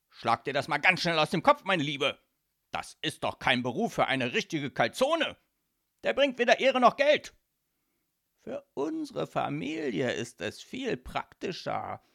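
A man voicing a loud, hot-tempered mafia boss father who blusters and bellows in a storybook reading. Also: medium pitch, gravelly, slightly rough, no room sound, clean studio sound, heavily acted. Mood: dismissive.

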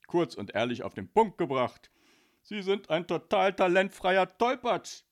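A man voicing a snooty, mocking fashion boss in a children's audiobook, sneering loudly and haughtily. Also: sits high, very animated, measured pace, voice pushed up.

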